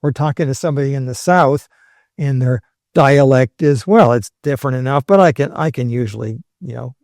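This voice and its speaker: A man's voice: medium pitch, fairly quick, darkish tone, dry recording, studio quality. A man speaking as a historian guest on a podcast, explaining in a conversational lecture style with wry humorous asides.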